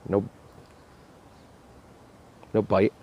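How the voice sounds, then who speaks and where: A man with a gravelly voice giving a casual, unscripted product review, thinking aloud in a halting, laid-back way. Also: muffled recording. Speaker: pipe tobacco reviewer. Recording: faint background noise.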